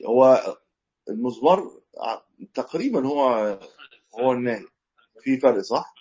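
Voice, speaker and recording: Egyptian guy teaching a class, husky voice, talks quick, muffled lo-fi audio. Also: mid-range voice, expressive, warm tone. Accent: Egyptian Arabic. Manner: explanatory, conversational, self-correcting. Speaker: religious teacher. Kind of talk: live class lecture with questions. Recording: dull lo-fi recording.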